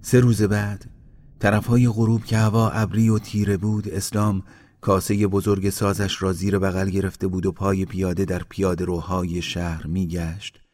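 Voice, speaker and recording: A man reading a literary story aloud in a slow, measured narration that sinks quieter in grim passages. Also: low voice.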